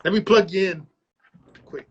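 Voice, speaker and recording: A man's voice: high voice, normal speed, husky. A man hosting a casual radio interview, loose and joking. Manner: loose, joking, rambling with cursing. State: frog in his throat. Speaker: radio host and DJ. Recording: muffled livestream audio.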